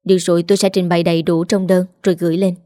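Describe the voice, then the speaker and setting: A woman voicing a scheming middle-aged man who fakes grief, talking quickly and defensively. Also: lowish voice, flat delivery, dark tone, no room sound, clean studio sound, close to an everyday voice. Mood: brisk.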